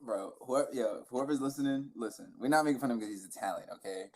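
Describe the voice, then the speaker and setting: A young man co-hosting a casual podcast, teasing a friend in an animated way. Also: mid-range voice, quick pace. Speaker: podcast co-host. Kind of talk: casual joking chat.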